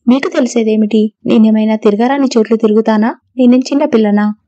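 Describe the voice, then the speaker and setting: A woman gives voice to a strong-willed young wife who answers back sharply. The tone is mellow and fairly high, and the delivery stays flat. The recording is dry and a little muffled. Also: fast talker, dry recording, natural voice. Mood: defiant. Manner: sharp, retorting.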